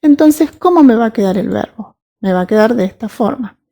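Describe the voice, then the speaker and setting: A woman teaching English grammar, patiently checking that her students follow and spelling out examples slowly. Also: on the high side, lively intonation, warm tone. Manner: patient, checks understanding with frequent "¿sí?" and "¿mm?". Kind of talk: recorded grammar lesson.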